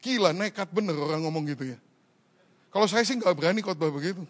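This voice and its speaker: A man's voice: high voice, fast. A male pastor preaching a sermon in a joking, teasing way, full of rhetorical questions and English phrases mixed into his talk. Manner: mixes English phrases into Indonesian speech.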